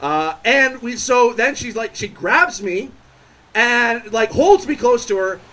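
A man's voice: very high-pitched, expressive, takes it slowly, sharp tone, poor audio. A young man doing stand-up storytelling at a live bar show, rambling and self-interrupting. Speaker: stand-up comedian.

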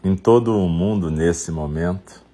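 Male meditation guide, Brazilian accent. Very low register, husky grain, very slow delivery broken into short phrases. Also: mellow. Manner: unhurried instruction in short phrases with long pauses.

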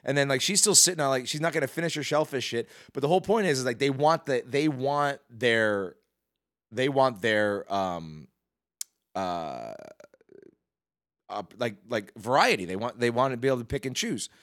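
A man's voice: medium pitch, animated, normal speed, a bit bright. A middle-aged man chatting loosely on a podcast, blunt and crude, with profanity in nearly every sentence. His voice sits in an ordinary middle register and he holds forth with confident opinions. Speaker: podcast co-host. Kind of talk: casual chat.

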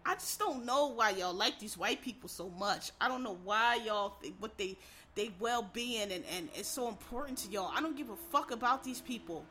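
A fairly high-pitched woman with a bright, forceful edge talks straight to her listeners in a casual monologue. She is blunt, heated and freely profane. She keeps restarting her sentences for emphasis. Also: normal speed, slight background noise.

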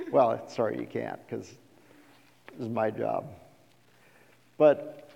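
A middle-aged man preaching a sermon as a pastor, animated and asking the congregation questions. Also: mid-range voice, slow pace, vocal fry, muffled recording, slight background noise. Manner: animated, acts out quoted voices, asks the congregation questions. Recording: reverberant hall.

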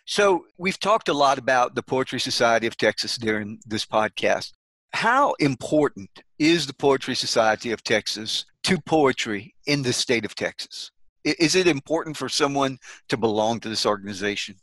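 A man hosts a podcast, summing up and affirming his guest's advice in an easy interviewing manner. His voice sits at an ordinary pitch, and the sound is dry and close, with no room echo. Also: expressive, normal speed, a bit bright. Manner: affirming, sums up the guest's points. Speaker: podcast host. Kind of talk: interview conversation.

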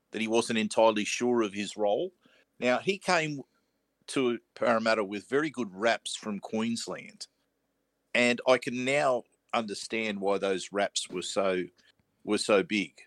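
A man's voice: on the low side, fairly bright tone, dry recording. A man co-hosting a podcast, chatting casually about a match with many restarts and trailing phrases. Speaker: podcast co-host. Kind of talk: casual sports chat.

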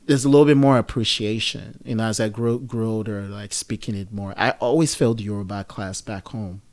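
This guest, a man from Nigeria in his thirties, reflects casually during a conversation, rambling with frequent fillers and restarts. His voice is fairly low and darkish, with a steady tone and a slightly fast pace.

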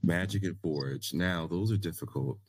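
Deep-voiced man joking around. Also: moderate pace, a little hiss or hum. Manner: laughing, joking. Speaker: podcast co-host. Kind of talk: casual chat.

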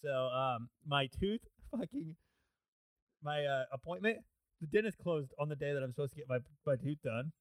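A young man telling a long rambling story, slightly high-pitched and quick to laugh. His voice sits close to the mic in a dry, dead room with no echo. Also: lively intonation. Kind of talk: casual chat.

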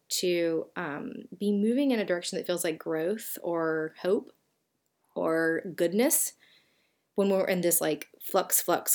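A woman with a Southern US accent hosting a solo podcast, talking in a chatty, reflective way with frequent fillers and self-corrections. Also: on the low side. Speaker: podcast host.

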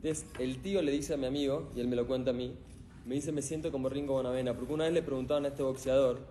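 His delivery is fast at medium pitch, with a little hiss or hum in the audio. A middle-aged motivational speaker with an Argentine Spanish accent, he speaks live without a microphone to a full event hall, telling energetic stories and constantly quizzing the crowd.

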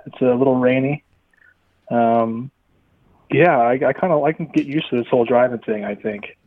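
A man calling in on speakerphone, his voice muffled and quiet as he talks in a deadpan, rambling way with many fillers. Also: mid-range voice, normal speed, no room sound. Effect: caller heard over a phone line on speakerphone. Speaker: caller. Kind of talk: casual call-in chat. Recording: tinny muffled phone line.

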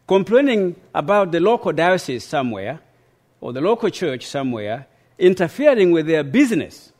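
A middle-aged man gives a formal lecture as a mission historian, speaking in a measured, deliberate way with frequent hesitations. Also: on the high side, a little mellow.

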